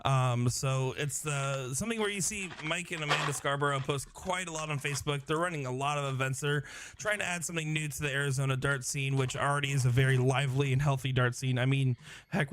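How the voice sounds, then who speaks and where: A man's voice: medium pitch, a little hiss or hum. A man giving casual live commentary and updates on a darts match.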